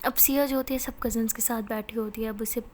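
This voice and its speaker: A woman's voice: on the high side, quick pace, a little hiss or hum. A woman narrating a college love story in a casual, chatty storytelling manner. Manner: chatty, animated retelling.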